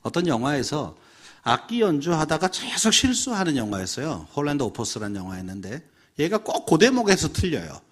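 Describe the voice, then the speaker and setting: A man's voice: on the high side, brisk. A male pastor giving a seminar talk, telling stories and acting out the voices of the people in them. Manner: animated storytelling, acts out dialogue voices. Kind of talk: seminar lecture with acted quotes.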